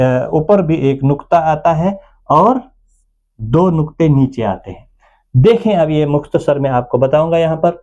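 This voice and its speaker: A man's voice: fairly high pitch, mellow, dull audio. A man teaching the Arabic alphabet in an online lesson, explaining patiently step by step. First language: Urdu. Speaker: Quran reading teacher.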